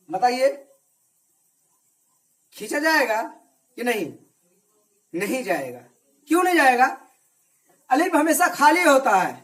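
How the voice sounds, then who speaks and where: A man's voice: extremely high pitch, bright, forceful tone. Man teaching kids a reading lesson. Patient and repetitive, quizzes his class and answers for them. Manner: asks questions and answers them himself; slow, repetitive drilling. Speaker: religious teacher. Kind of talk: Arabic reading lesson for children.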